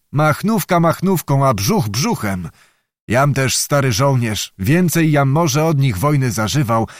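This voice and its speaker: A man's voice: medium pitch, no room sound, studio quality, close to an everyday voice. A man doing a grumbling old nobleman. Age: older. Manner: querulous, complaining, exclamatory. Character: grumbling old hungry nobleman, a provincial governor.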